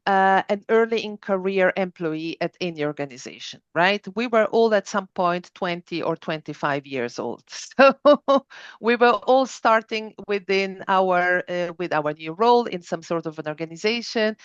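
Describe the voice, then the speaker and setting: Woman, middle-aged, earnest, halting with fillers, dull dry lo-fi call sound. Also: medium pitch, clean tone, dry recording. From Switzerland and southern Italy. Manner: earnest, many fillers and restarts. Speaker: podcast guest. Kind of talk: conversational interview.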